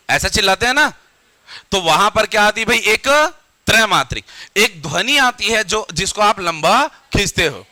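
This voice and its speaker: A man with a high, very bright voice teaches a grammar lesson to a classroom. He keeps firing questions at the students and repeats their answers back to drill them. The sound is dry and close. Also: no room sound.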